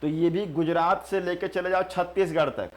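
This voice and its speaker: A man teaching a geography class, repeating terms slowly for notes and answering his own questions. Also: sits high, fairly even intonation. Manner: repeats key terms slowly for students to write.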